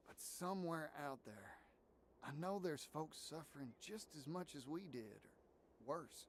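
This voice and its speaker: An actor playing an idealistic young small-town merchant in a video game, sincere, folksy and determined, with an American Southern accent. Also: male voice, fairly high pitch, animated, measured pace, a little hiss or hum. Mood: earnest, wistful. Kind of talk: dramatic video game voice acting. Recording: music under the voice.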